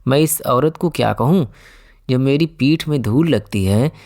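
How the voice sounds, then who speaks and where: A man's voice: mid-range voice, a little slow, a little mellow, lightly acted. A man voicing a restrained, weary farmer in an audiobook, speaking firmly. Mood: stern. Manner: firm, stern.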